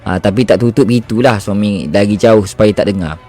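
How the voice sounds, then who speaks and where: A man with a Malaysian Malay accent, an Islamic healer telling a story on a livestream, animated and expressive, often addressing his listeners directly. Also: fairly low pitch, a little fast, faint music behind. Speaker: Islamic healer (ruqyah therapist).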